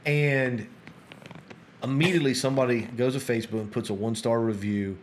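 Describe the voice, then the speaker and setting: A man's voice: medium pitch, steady tone, brisk, slight background noise. A middle-aged man hosting a podcast, chatting casually and rambling with frequent restarts. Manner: rambling, restarts often, gets sidetracked. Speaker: podcast host. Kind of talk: casual conversation.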